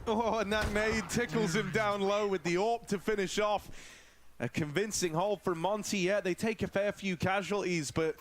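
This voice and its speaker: A man's voice: high-pitched, fairly even intonation, normal speed. A man giving conversational, analytical esports caster commentary on a match. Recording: clear game noise, clicks, gunfire.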